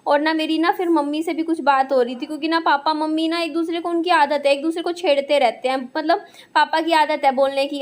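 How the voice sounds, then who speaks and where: A young woman narrating her day in a chatty, rambling vlog, full of fillers. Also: high-pitched. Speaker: vlogger.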